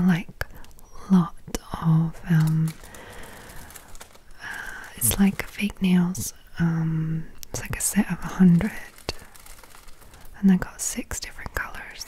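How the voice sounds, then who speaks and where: A woman whispering softly and breathily in a slow, gentle, chatty ASMR style, with crinkling packaging behind her. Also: lowish voice, low-quality recording. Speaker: ASMR video host. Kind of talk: soft-spoken whispered ASMR. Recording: close mic with crinkling plastic packaging. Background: crinkling packaging sounds.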